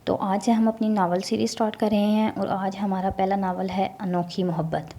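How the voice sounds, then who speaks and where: Calm woman reading a novel aloud. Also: mid-range voice. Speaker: storyteller.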